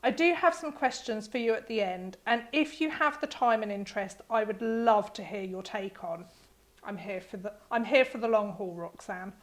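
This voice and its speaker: A woman's voice: medium pitch, moderate pace. A woman hosting a casual show, reading listener emails aloud with open emotion and frequent laughter. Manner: emotional, expressive, laughs often.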